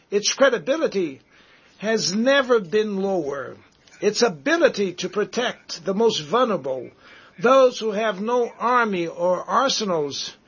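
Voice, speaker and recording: A man giving a live interpretation of a formal speech, in measured phrases broken by pauses. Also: sits high, fairly bright tone, breathy edge, muffled recording. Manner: measured, halting delivery with pauses between phrases. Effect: live interpreter voice, dubbed over a speech.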